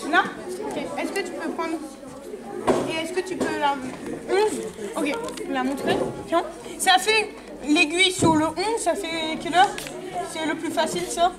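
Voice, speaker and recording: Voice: very high-pitched, measured pace. A kids party magician doing live show patter, giving volunteers instructions and questions, recorded in a large indoor room. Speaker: magician performing card tricks. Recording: large echoing hall with loud crowd noise.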